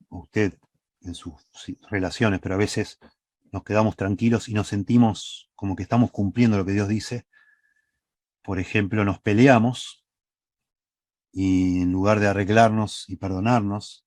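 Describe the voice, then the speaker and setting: Argentine preacher man, low voice, dry sound. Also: a little mellow, dry recording. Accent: Rioplatense Spanish. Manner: teaching, asks the congregation "¿sí?" often. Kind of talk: sermon. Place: church.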